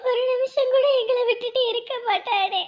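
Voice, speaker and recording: A woman's voice: very high-pitched, brisk. An actress playing a middle-aged mother who weeps and laments over her son, pleading with the gods. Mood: lamenting. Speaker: grieving mother. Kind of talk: Tamil TV drama acting.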